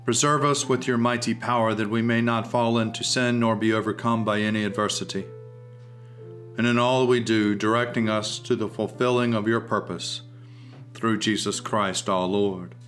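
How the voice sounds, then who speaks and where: A man leading liturgical prayer, reciting in solemn, measured phrases as an officiant. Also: lowish voice, steady tone, a bit bright, soft background music.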